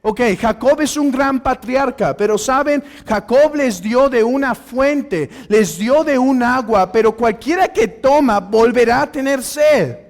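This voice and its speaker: A man's voice: very high voice, measured pace, hardly any pauses. A man preaching an expository sermon, calling the congregation brothers and acting out the dialogue of the passage. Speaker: pastor.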